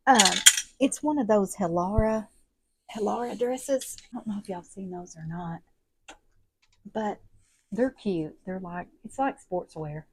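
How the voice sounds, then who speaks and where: A woman's voice: medium pitch, measured pace, noisy background. Chatty woman in her fifties. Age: 50s. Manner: chatty, rambling, folksy, addresses viewers as y'all. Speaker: lifestyle vlogger. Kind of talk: casual home vlog chat. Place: her home, indoors. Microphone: wired clip-on mic.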